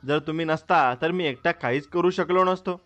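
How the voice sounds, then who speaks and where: A man's voice: on the high side, moderate pace, a bit bright, natural voice. A man playing a brave young village hero in a storybook tale, speaking in a firm, resolute voice. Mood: humble.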